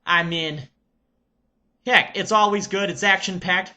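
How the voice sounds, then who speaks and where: Man putting on an excitable Serbian-accented reviewer. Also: high-pitched, exaggerated voice. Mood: excited. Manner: loud, exclamatory, halting with ums. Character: excitable male Nickelodeon reviewer character, the Nutcase. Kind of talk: in-character TV review.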